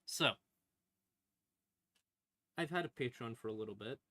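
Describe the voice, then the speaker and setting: In a dry recording, a man with a mid-range, creaky voice that sounds pushed and bright speaks a little slowly with lively intonation. He's streaming a casual lore question-and-answer session, rambling informally and trailing off in hesitant asides, while eerie ambient horror music plays underneath.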